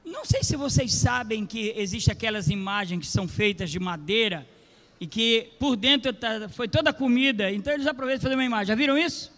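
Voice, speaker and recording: A high-voiced older pastor tells his testimony in a sermon, animated and acting out each quote. His voice rings through a church with a long reverb. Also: a little fast.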